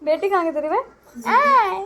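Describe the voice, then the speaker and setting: A woman's voice: very high voice, lively intonation, normal speed, heavy background noise. A young woman chatting casually in her vlog, teasing and laughing often, recorded on a phone. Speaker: vlogger.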